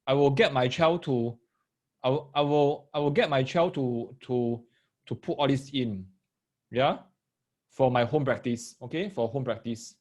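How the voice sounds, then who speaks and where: Medium in pitch with a darkish tone, the man's voice runs a little slow. He's a maths tutor with a Singaporean accent and Singlish particles, leading a live online lesson for parents and children, going step by step, repeating phrases and checking understanding.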